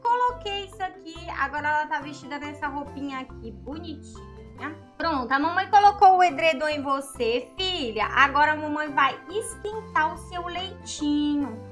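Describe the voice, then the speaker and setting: A woman's voice: high voice, animated, normal speed, hardly any pauses, soft background music. A woman voicing a young mother in a storybook role-play, cooing sing-song baby talk at her infant. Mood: doting, fussing. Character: young mother, proud then tender, doting.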